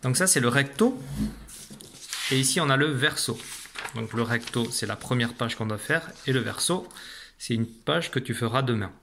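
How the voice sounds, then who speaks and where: A man teaching young children a phonics lesson, saying each sound slowly and carefully. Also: medium pitch, lively intonation, background noise. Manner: slow, careful, stretched-out pronunciation of sounds. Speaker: primary school teacher.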